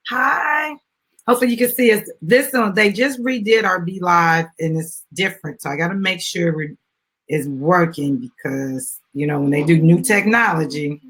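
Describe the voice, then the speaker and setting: A husky, fairly low-pitched woman chats casually with her live-stream audience at a moderate pace, her tone fairly bright. She's an American adult, mother of a young child and a business founder, promoting a children's book.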